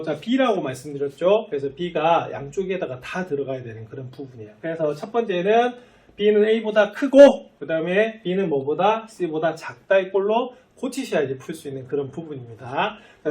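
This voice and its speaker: A man's voice: a little high, a little mellow. Man teaching math, quizzing his students. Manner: asks the students questions, then answers them himself; often starts sentences with "so" and "well then". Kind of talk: lecture.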